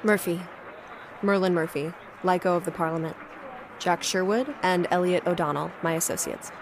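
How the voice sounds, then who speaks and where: An actress playing a brisk, blunt young woman who leads a team of investigators in an audio drama. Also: lowish voice, lightly acted. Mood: earnest. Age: young adult. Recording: clear outdoor dockside noise behind.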